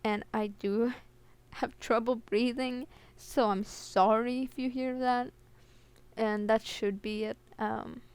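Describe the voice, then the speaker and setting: A woman's voice: a little high, fairly even intonation, takes it slowly, a little mellow, smooth. A young woman with a slight lisp giving a rambling, self-deprecating school presentation, recorded at home on a computer headset that picks up her breathing. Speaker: student presenter.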